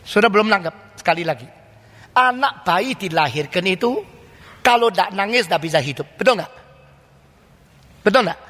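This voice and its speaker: A man's voice: high voice, lively intonation, normal speed, long pauses, pushed and bright. An older man preaching a sermon as a pastor, emphatic and full of rhetorical questions. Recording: long reverb of a large hall.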